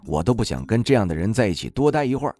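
Wry, low-voiced male audiobook narrator. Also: racing, soft background music. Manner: wry, expressive storytelling. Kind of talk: first-person novel narration.

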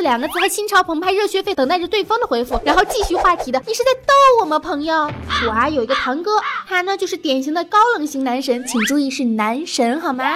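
A woman hosting a podcast, delivering a snarky, teasing comedic monologue. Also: high-pitched. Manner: snarky, teasing, mock-exasperated. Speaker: podcast host. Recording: music bed underneath.

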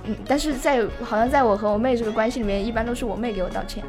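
A woman in her twenties in casual chat, telling a family story in an animated way and acting out what was said. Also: fairly high pitch, rapid-fire. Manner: animated storyteller who acts out quoted lines. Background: music playing underneath.

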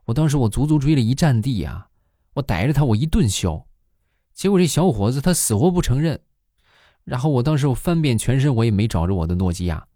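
A man's voice: medium pitch, animated, a little fast, warm tone, no room sound, clean studio sound, pitched above the performer's own voice, natural voice. A man voicing a bossy young wife in a brash, boastful manner.

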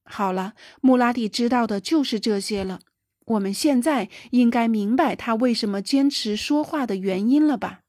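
Female audiobook narrator, fairly high voice, dry close recording, livens up for dialogue. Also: moderate pace, a little mellow, no echo. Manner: raises pitch and volume for quoted dialogue. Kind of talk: scripted narration.

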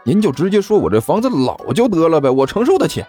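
A man's voice: on the high side, big pitch swings, fast, dark tone, husky, faint music behind, voice pushed up. Man doing a chatty, wheedling landlord. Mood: wheedling, wary. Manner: chatty, persuasive, nervous stammer. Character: middle-aged male landlord, wheedling and nervous.

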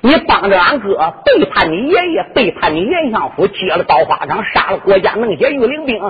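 A man's voice: high-pitched, sing-song, moderate pace, slightly rough, exaggerated voice. A male storyteller voicing a sly, cringing young male servant clown who whines and wails in mock crying. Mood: protesting. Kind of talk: traditional sung storytelling with dialogue. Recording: dull lo-fi with long reverb.

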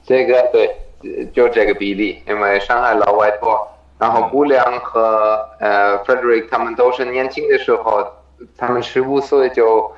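A man's voice: medium pitch, steady tone, moderate pace. A man who is a foreigner speaking Mandarin with a foreign accent in a conversational interview, searching for words and mixing in English terms. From abroad, not China. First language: not Mandarin. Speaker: triathlete, podcast guest. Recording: roomy echo, dull lo-fi sound.

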